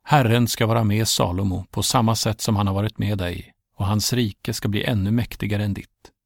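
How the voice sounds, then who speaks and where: A loyal captain of the royal guard affirming the king's choice, read by a male narrator. The voice is low and rough with gravel, firm in tone, and dry and close. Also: fairly even intonation, no room sound.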